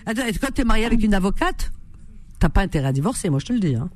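A woman from Algeria hosting a radio call-in show in casual chat, lively and teasing, laughing often. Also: mid-range voice, rapid-fire, no echo.

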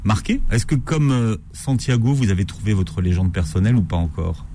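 A man's voice: fairly low pitch, lively intonation, fairly quick, warm tone, a little hiss or hum. A man hosting a book show, interviewing a guest in a conversational way and asking leading questions. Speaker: host, interviewer.

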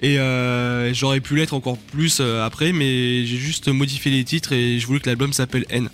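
A man's voice: medium pitch, fairly even intonation, normal speed, fairly bright tone. A man with a French accent speaks in a mid-range voice, with faint music behind him. He talks in a casual, slangy way, as a guest in a radio interview, and often gropes for the next word. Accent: French from France. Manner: hesitant, slangy, searching for words. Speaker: band singer and lyricist, interview guest.

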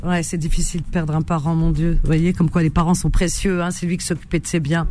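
A woman's voice: low voice, little pitch movement, fast talker, dark tone, soft background music. A woman hosting a radio phone-in, presenting conversationally in an affectionate, reassuring way and often repeating her phrases. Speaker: radio host of classified ads phone-in.

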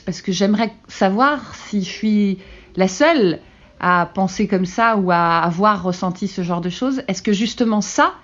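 A woman hosts a podcast interview, asking long, searching questions with the odd filler. Her voice sits at a medium pitch. The recording sounds slightly dull and muffled. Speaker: podcast host.

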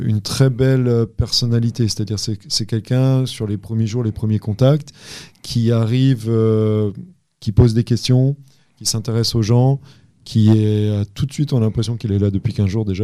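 Deep, mellow man, careful answers. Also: clean tone, no echo. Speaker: assistant basketball coach. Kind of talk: podcast interview answers.

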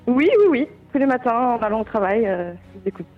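A woman's voice: a little high, expressive, a little fast, narrow, tinny audio, faint music behind. Woman calling in to a radio quiz. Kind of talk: casual answers on air.

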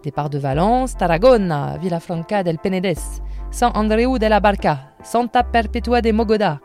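A woman's voice: mid-range voice, expressive, normal speed, mellow, faint music behind. A woman podcast host telling a personal story in casual narration, with a wry, self-mocking humor.

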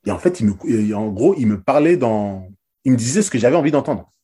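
A former basketball player and interview guest, telling anecdotes in a loose, slangy, emphatic way with many repeated words. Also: male voice, medium pitch, animated, fairly quick, warm tone, slightly rough. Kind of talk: casual storytelling.

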